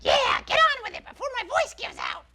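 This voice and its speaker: Doom, a shrill little imp. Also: male voice, a little fast. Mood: gleeful. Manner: screechy, excitable, shouty. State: straining his voice. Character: shrill, bratty little male imp sidekick. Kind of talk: comic product skit.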